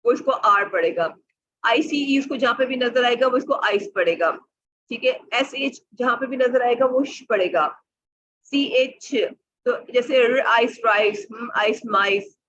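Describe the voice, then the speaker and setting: Woman sounding out phonics words slowly. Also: a little high, a bit bright. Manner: asks listeners to remember rules, repeats herself. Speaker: trainer. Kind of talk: online teacher training lesson. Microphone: online call or webcam mic. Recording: dull lo-fi online session audio.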